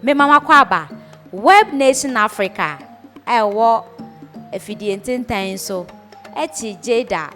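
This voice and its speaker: A woman presenter narrates a news segment over faint background music. Her voice sits fairly high, and she delivers it steadily with clear emphasis.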